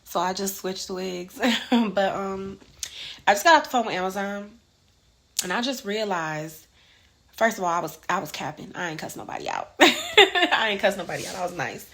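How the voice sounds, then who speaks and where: A woman's voice: mid-range voice, moderate pace, vocal fry, fairly bright tone. A woman vlogger, chatting casually and ranting heatedly with cursing. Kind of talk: casual chat.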